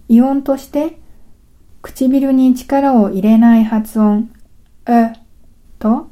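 Woman teacher, scripted pronunciation lesson, unhurried delivery, a bit high. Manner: calm, deliberate explaining. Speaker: language teacher.

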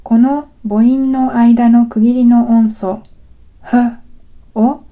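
Woman teacher, scripted pronunciation lesson, unhurried delivery, a bit high. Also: narrow, tinny audio. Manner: calm, deliberate explaining. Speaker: language teacher.

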